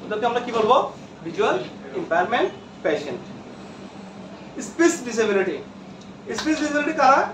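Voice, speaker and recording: A man's voice: very high-pitched, sing-song, fairly quick, long pauses, noisy background. A male teacher lecturing a classroom, repeating terms and quizzing his students. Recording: echoey room from far off.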